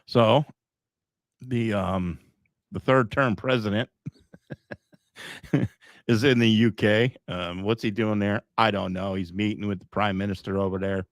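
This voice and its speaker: A man's voice: fairly low pitch, steady tone, unhurried, pauses often, no room sound, studio quality. A middle-aged man hosting a live podcast, talking in a rambling, emphatic way with frequent chuckles. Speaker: podcast host.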